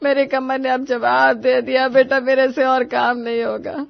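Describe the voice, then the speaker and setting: A woman's voice: sits high, little pitch movement, measured pace, gravelly, dry recording. A woman voicing a whiny, dramatic elderly mother-in-law in a cartoon, wailing and complaining. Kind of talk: cartoon voice acting. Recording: dull dry studio voice-over.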